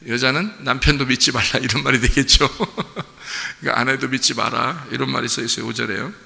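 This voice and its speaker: A man's voice: medium pitch, moderate pace, vocal fry, pauses often, bright, forceful tone. A male pastor preaching a conversational dawn sermon in a church, asking the congregation questions and acting out what parents say. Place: church sanctuary. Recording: long reverb of a church hall.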